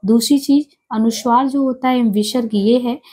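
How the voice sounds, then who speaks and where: A woman teaching an exam-prep grammar lesson, explaining step by step and repeating each sound and letter slowly. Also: fairly high pitch, steady tone, mellow, slightly rough.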